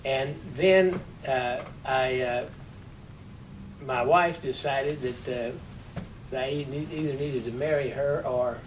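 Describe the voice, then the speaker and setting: An older man in his nineties recalls his life in an office interview, unhurried and dryly funny. He sits at a distance from the mic, and a steady low rumble runs under his voice. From Texas. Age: 90s. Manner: unhurried storytelling with dry humor. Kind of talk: oral history interview. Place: office with large windows.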